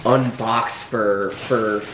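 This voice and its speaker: A man's voice: lowish voice, steady tone, extremely slow. A hungover man giving a casual, unscripted food review in a rambling, hesitant, dryly sardonic way, full of filler words. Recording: roomy echo, faint background noise.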